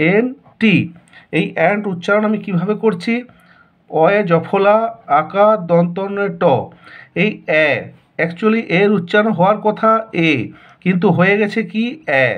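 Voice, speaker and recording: Speaking in a high voice with a Bengali accent, a man teaches an English class, posing questions and repeatedly answering them himself as he explains the lesson. The recording has a lo-fi quality.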